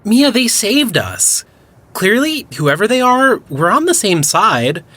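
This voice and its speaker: A man's voice: high voice, huge pitch swings, takes it slowly, sharp tone, heavily acted. An actor playing an enthusiastic young male cryptid hunter who explains things eagerly in an audio drama. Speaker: lead character.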